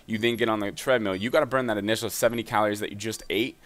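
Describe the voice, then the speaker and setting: Fast-talking young man, low voice. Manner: fast, energetic and chatty. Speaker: gaming YouTuber giving fitness advice. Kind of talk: casual commentary over gameplay.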